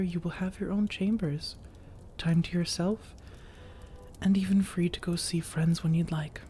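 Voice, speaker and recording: A woman with a lowish voice plays an elegant, long-lived female vampire in a soft-spoken ASMR roleplay, breathy and often whispering. Her phrasing is measured, deliberate, formal and coaxing, with a reassuring mood. Slight background noise can be heard.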